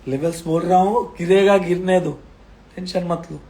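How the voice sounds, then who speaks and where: Sick and coughing, with a strained throat, a man offers casual stock market commentary and repeats phrases emphatically to reassure his viewers. His high-pitched voice is steady and darkish in tone, at a moderate pace.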